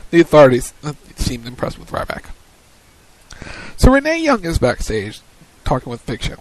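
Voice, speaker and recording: A man's voice: fairly high pitch, wildly swooping pitch, normal speed, no room sound, low-quality recording. A man co-hosting a wrestling post-show on web radio, recapping segments and calling matches like a commentator. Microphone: studio mic on a web radio show.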